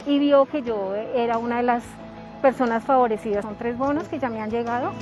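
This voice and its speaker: A woman's voice: fairly high pitch, a little fast. Colombian woman telling her story. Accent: Colombian Spanish. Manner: plainspoken, grateful. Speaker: program beneficiary in a testimonial video. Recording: lo-fi with music underneath. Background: music.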